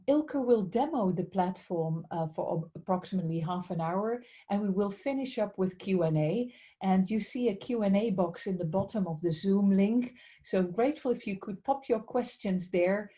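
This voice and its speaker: A head of strategic accounts with a Dutch accent politely runs a business webinar through a video call, expressing gratitude again and again. She speaks in a mellow voice that leans low.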